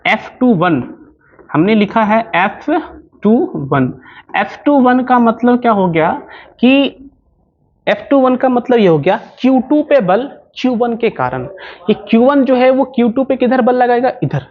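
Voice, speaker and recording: A male physics teacher lecturing at a board, who keeps asking questions and answering them himself. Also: sits high. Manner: repetitive, asks questions then answers them. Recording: dull lo-fi sound.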